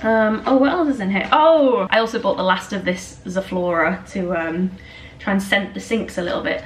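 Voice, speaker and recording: A woman's voice: mid-range voice, normal speed. A young woman from northern England chatting casually to camera in a self-mocking way, her voice echoing like in a cave in an empty house. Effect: cave-like echo of an empty house. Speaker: vlogger. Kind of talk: casual vlog chat. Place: empty house, bare rooms indoors. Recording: echoey empty room, faint noise.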